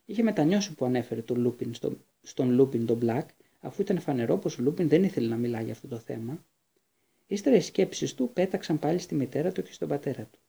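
A man reading a fantasy novel aloud as an audiobook narrator, with steady storytelling. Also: a little high, gravelly, husky.

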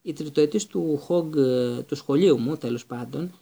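A man reading an audiobook voices a sharp-tongued teenage boy who answers curtly and sarcastically. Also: fairly high pitch, vocal fry, slightly rough. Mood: defiant. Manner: curt, sarcastic.

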